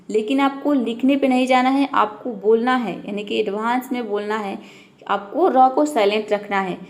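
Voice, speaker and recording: A woman teaching English pronunciation to beginners, patiently repeating each rule and asking the viewer questions. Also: on the high side. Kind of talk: step-by-step pronunciation lesson.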